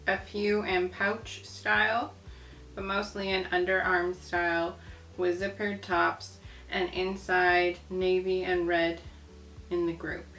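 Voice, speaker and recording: This woman speaks slowly in a lowish, slightly bright voice with little pitch movement. As host of a casual video, she chats and marvels while reading aloud from old newspapers, against faint music and a roomy echo.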